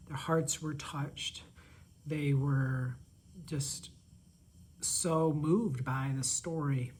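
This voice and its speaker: A man teacher talking casually and enthusiastically about favorite picture books, gushing with praise and sometimes dropping to a soft near-whisper. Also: fairly high pitch, steady tone, very slow, husky, rough recording. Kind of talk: casual book recommendation video.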